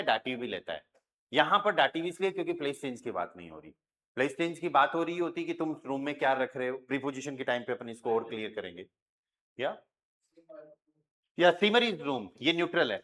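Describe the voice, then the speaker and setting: A man's voice: on the high side, big pitch swings, fairly bright tone. A man with an Indian accent teaching a grammar lesson to a class, patiently explaining and often checking that students have understood. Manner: slowly spells out sentences word by word. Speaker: German teacher.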